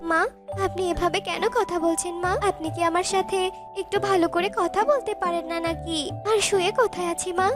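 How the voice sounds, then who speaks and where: Meek young mother bird, played by a woman, pleading, gentle, very high voice, music underneath. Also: steady tone, a little fast.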